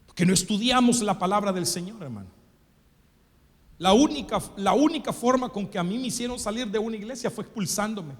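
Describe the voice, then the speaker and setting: Nicaraguan male pastor, high-pitched, emphatic sermon delivery, recorded with a long church reverb. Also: lively intonation, fairly quick. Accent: Nicaraguan Spanish. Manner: emphatic preaching, keeps addressing the congregation as "brother".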